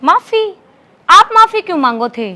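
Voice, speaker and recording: A woman's voice: very high-pitched, big pitch swings, measured pace, noisy background, heavily acted. A woman with a Haryanvi accent playing an outspoken, protesting village wife in a comedy skit. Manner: scolding, protesting. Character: outspoken village wife defending her husband before her father. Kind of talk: rural comedy skit acting.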